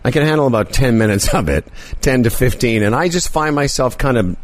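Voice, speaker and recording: A man's voice: mid-range voice, expressive, fairly quick, no echo. Male talk host, playful teaser, dry booth sound. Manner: playful, teasing. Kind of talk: casual chat.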